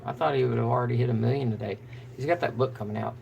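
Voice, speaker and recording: Gravelly monotone man chatting. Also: medium pitch, racing, dull audio, slight background noise. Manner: monotone, rambling with fillers. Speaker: fishing channel host. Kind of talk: casual live stream chat.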